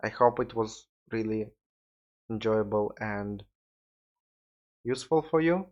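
A man's voice: fairly low pitch, slow, a little mellow. A tired man with a Russian accent, hosting a solo podcast in a rambling, informal way with some swearing. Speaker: podcast host. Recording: dull lo-fi recording.

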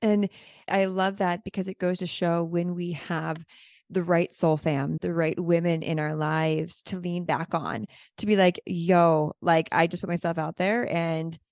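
A woman's voice: fairly low pitch, fairly even intonation, measured pace, a little mellow, dry recording, studio quality. A woman hosting a virtual round table over a video call, talking in a reflective, affirming way with casual fillers. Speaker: host.

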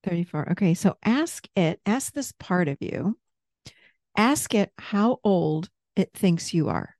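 A woman therapist gently guiding someone through a parts-work session with patient, step-by-step prompts. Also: on the low side, big pitch swings, slow pace, no room sound, clean studio sound.

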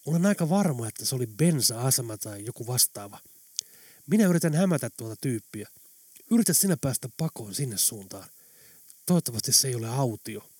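A man voicing a grave, hushed captive man. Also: mid-range voice, very animated, husky, no room sound. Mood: serious hushed. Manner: serious, hushed, urgent.

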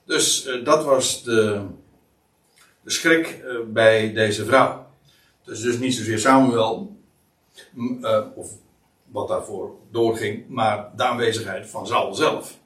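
A man's voice: lowish voice, slow, fairly bright tone. A man explaining a Bible passage in a hesitant, exploratory way, with frequent fillers and restarts. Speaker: Bible teacher. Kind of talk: explanatory Bible study talk. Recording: echoey room, distant mic.

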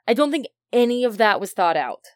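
A woman's voice: a little high, big pitch swings, fairly quick, dry recording, studio quality. A woman co-hosting a casual podcast chat about a film, rambling and trailing off as she thinks aloud. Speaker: podcast co-host.

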